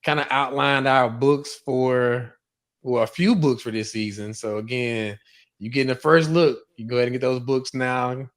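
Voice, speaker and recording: A man's voice: medium pitch, normal speed. Laid-back male podcast co-host. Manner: relaxed, laid-back, uses slang. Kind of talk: casual chat.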